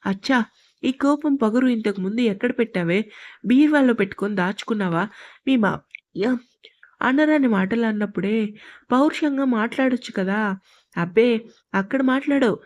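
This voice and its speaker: A bossy, teasing young man in a love story, read out by a woman storyteller. He scolds with fond, mock-threatening warmth. She keeps a slightly high voice close to her own, with little change for the man. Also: normal speed, pauses often, close to an everyday voice. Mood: teasing scolding.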